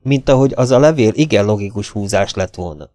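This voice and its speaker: A man voicing a calm, sly middle-aged detective, measured and needling. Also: lowish voice, no echo, studio quality, lightly acted. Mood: probing.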